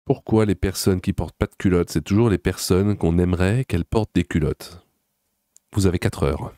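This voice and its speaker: A man hosting a reaction video, making sarcastic, deadpan comments. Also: sits low, normal speed. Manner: mocking, deadpan asides.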